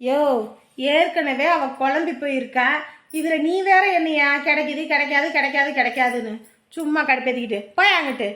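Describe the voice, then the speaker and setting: A woman plays a chatty younger sister, quick to tease. Her voice sits high, and the room around it sounds echoey. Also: sharp tone. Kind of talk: web series acting.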